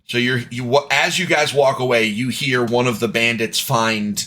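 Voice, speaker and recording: A man running a tabletop game as dungeon master over a voice call, narrating in a halting, playful way with many fillers. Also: mid-range voice, steady tone, bright, forceful tone. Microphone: voice call mic.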